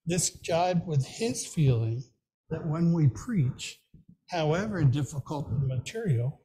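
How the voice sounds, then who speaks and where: Slow-preaching man in his sixties. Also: fairly high pitch, warm tone, husky, rough recording. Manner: slow, measured reading from notes. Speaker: minister. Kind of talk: sermon. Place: small church room, indoors.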